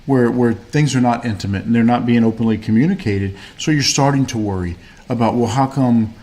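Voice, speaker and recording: A man's voice: mid-range voice, fairly quick, darkish tone. Rambling man on a faith podcast. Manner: rambling, many fillers and restarts. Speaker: podcast co-host. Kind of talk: casual faith-based chat.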